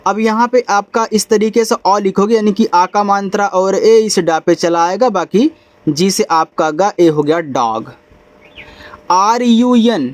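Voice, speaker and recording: A man teaching beginners to read English, spelling out letters slowly and explaining sounds patiently. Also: high-pitched. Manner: repeats rules, checks in with the learner. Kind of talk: beginner phonics lesson.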